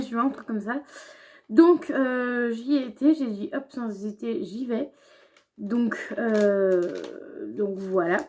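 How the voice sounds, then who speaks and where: A woman's voice: on the high side, dark tone. A young woman chatting casually through a shopping haul vlog, with lots of fillers and restarts. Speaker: beauty vlogger.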